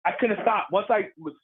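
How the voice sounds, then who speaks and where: A man, a professional wrestler, telling stories in a casual interview, lively and laughing as he acts out the crowd's voices. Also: sits high, slightly rough, narrow, tinny audio. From Puerto Rican heritage.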